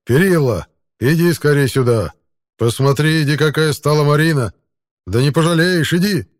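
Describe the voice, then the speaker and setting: A male narrator voicing an excitable middle-aged baker who calls out loudly and eagerly in an audiobook. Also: lowish voice, normal speed, natural voice. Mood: excited. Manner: loud, calling out eagerly.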